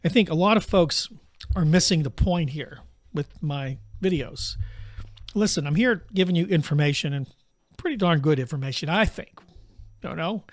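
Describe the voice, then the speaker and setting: A man's voice: fairly high pitch, animated, moderate pace, no echo. A man giving a casual, sarcastic political monologue, wandering off topic and talking straight to his viewers. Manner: sarcastic, digressive, conversational. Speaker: political commentator.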